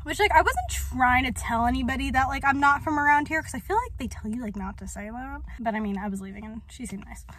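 A woman's voice: high-pitched, quick pace, hardly any pauses, fairly bright tone. A young adult woman vlogging in a rambling, chatty way, full of fillers. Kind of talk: casual chat.

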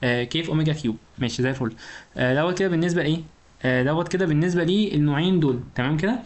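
An engineering lecturer with an Egyptian Arabic accent and a slightly high voice explains engineering material rapidly in a recorded lecture. His style is informal, speaking directly to the student and repeatedly asking rhetorical questions to make sure they're following.

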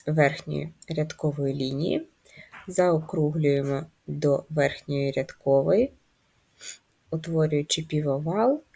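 A woman teaching a first-grade class, reading riddles and guiding letter writing in a slow, sing-song manner for young children. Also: on the low side, darkish tone, slightly rough. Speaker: primary school teacher. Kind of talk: first-grade handwriting lesson.

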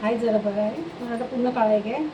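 Home vlogger, woman with a high voice, chatty and homely, phone-filmed with clear household noise behind. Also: fairly even intonation, quick pace, echoey room, distant mic, highs cut off. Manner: chatty, talks sweetly to her pets. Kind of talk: casual home vlog chat. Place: home kitchen. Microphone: phone camera, self-filmed. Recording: noisy home phone recording.

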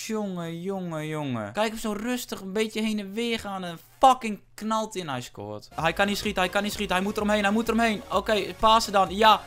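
A young man commentating a football video game, his slightly high voice swinging between shouted outbursts and low grumbling. He swears freely and talks straight to his viewers. Faint music plays underneath. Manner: excitable, swears and yells at the game, then drops to low muttering. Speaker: gaming video creator. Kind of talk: live gameplay commentary.

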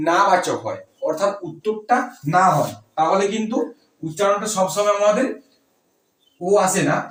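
A man teaching pronunciation rules, asking rhetorical questions and repeating words slowly. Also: high voice, distant mic. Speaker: Bengali grammar teacher. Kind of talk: explaining pronunciation rules to students. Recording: echoey room, voice from off-mic.

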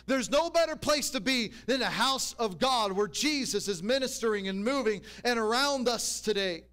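High, bright-voiced male preacher. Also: expressive, normal speed, clear, resonant tone. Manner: preaching with rhetorical questions to the congregation. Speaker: pastor. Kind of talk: sermon. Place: church.

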